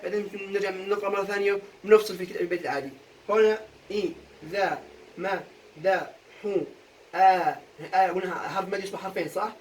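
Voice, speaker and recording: A young man teaching a poetry meter lesson for exam prep, quizzing students with quick questions and answering them himself. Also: high-pitched, distant mic, low-quality recording. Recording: voice a bit off-mic, faint room noise.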